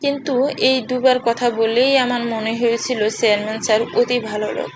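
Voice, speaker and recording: A woman narrating a first-person audio story in a steady, earnest reading. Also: a little high, fairly quick. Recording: slightly dull with faint hiss.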